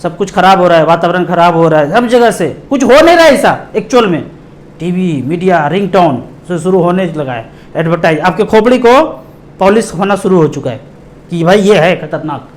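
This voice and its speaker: A middle-aged man from India explaining investing to viewers, emphatic, slowing down and breaking words apart for stress. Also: high voice, animated. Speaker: mutual fund distributor.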